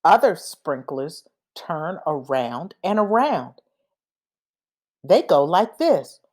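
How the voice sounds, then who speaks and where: Very slow and careful, a woman reads a picture book for young listeners, setting off each phrase with deliberate breaks. She brings lots of expression and pitch variety to the text and acts out its sound effects.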